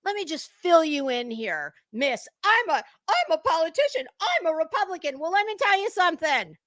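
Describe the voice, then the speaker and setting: Her pitch is extremely high and her delivery very animated, at a moderate pace with a slightly bright tone. An online commentary creator, she rants unscripted to her viewers in a blunt, sweary, confrontational way, punching her emphatic words.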